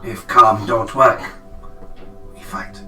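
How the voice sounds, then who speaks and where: A proud, commanding reptile hunter played by a man in a tabletop role-play. The voice is low and slow, with terse, stiff phrasing. Music runs beneath it in an echoing room. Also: sharp tone. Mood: stern. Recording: roomy echo, music underneath.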